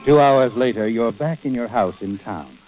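Over music, a man with a mid-range voice at normal speed lightly acts the part of a sinister, knowing narrator in an old-time radio mystery. He addresses the listener in an insinuating, taunting way, and the old radio recording sounds dull.

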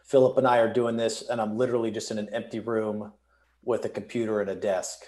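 A man's voice: on the low side, a little fast. A young man, a podcast guest, talking casually about sports betting from a bare empty room that makes his voice echo. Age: young adult. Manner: relaxed, chatty, some restarts.

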